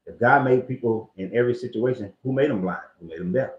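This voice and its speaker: A man's voice: medium pitch, fast. A man hosting a casual commentary on scripture, loose and joking, with slang and cursing. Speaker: host. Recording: echoey, dull lo-fi room sound.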